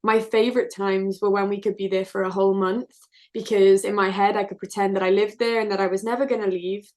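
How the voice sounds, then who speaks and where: A woman's voice: mid-range voice, level tone, fairly quick, a little mellow. A woman, a singer-songwriter answering interview questions in an earnest, reflective way. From South Wales, UK. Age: 20s. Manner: earnest, open, reflective storytelling.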